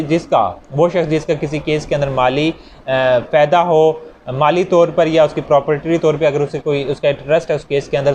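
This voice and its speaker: Noticeable background noise sits under this law lecture from a Pakistani-accented man whose voice is fairly high yet darkish in tone. He teaches by repeating and rephrasing his points and working through examples for his students.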